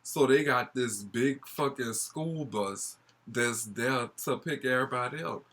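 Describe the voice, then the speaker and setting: A man's voice: medium pitch, a little slow, fairly bright tone. A young man with a New Orleans accent telling a casual vlog story in a gossipy, sassy, slangy way. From New Orleans, USA. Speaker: YouTube storyteller.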